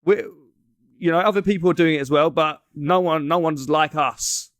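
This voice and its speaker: A man's voice: on the high side, moderate pace, no echo, clean studio sound. A man co-hosting a casual podcast, joking around and rambling with frequent restarts. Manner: joking, rambling, self-interrupting. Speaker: podcast co-host. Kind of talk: casual chat.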